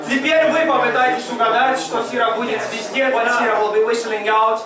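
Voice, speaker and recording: A man's voice: extremely high pitch, fairly even intonation, fairly quick, a crowd in the background. A man in his twenties presenting informally as a tour guide to a group, addressing listeners directly. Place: busy wooden-roofed restaurant room with large windows. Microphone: camera among the seated audience, far from speaker. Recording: echoey, distant camera recording with loud background noise.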